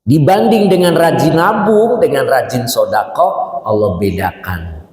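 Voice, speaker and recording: Lively preacher in an echoey hall. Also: male voice, medium pitch, unhurried. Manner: lively storytelling, addresses listeners as Bapak and Ibu. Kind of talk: sermon. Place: mosque or hall gathering. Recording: roomy hall echo.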